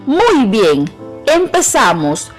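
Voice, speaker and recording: A middle-aged woman with a Peruvian accent, a teacher giving a clear, measured lesson on an educational radio program. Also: a little high, huge pitch swings, faint music behind, low-quality recording. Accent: Peruvian Spanish. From Peru. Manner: clear, measured instruction to students.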